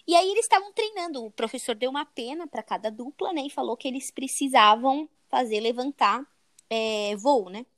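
A woman's voice: sits high, lively intonation, normal speed, a bit bright, no echo. A young Brazilian woman co-hosting a podcast, casually retelling a book chapter and tagging her sentences with "né?". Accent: Brazilian Portuguese. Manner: chatty, tags sentences with "né?". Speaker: podcast co-host.

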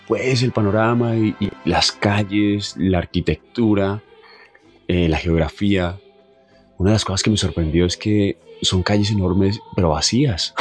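Low-voiced young Colombian man, animated travel storyteller, chatty. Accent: Colombian Spanish. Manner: animated, chatty, fond of asides and fillers. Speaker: traveler telling his story. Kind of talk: casual storytelling.

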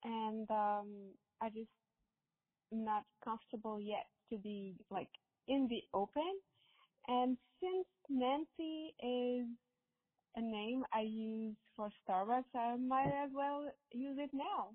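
A woman in her forties from Morocco tells a personal story slowly and haltingly, pausing often. Her voice comes through a tinny, phone-like line with a long, echoey reverb. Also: on the high side. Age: 40s. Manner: halting, hesitant with many pauses. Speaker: guest.

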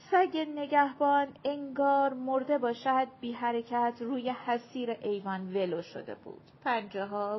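A woman's voice: a little high, husky, highs cut off. Woman narrating a story expressively. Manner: dramatic, varied delivery. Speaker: audiobook narrator.

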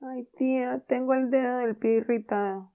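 A woman's voice: fairly high pitch, steady tone, normal speed, dark tone, voice pushed up, close to an everyday voice. A woman voicing a young schoolboy who fakes being sick, whiny and plaintive. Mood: whimpering. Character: young schoolboy faking illness, melodramatic.

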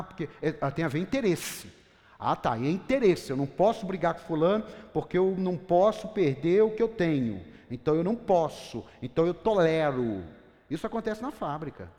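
A middle-aged man preaching a lively, conversational sermon, firing questions at the congregation. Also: fairly high pitch. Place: church hall. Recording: long church-hall reverb.

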